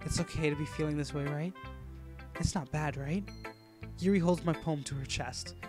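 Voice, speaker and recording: A man's voice: fairly high pitch, steady tone, moderate pace, lightly acted. A man reading aloud as a shy, obsessive young woman in a visual novel, with music behind. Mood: adoring.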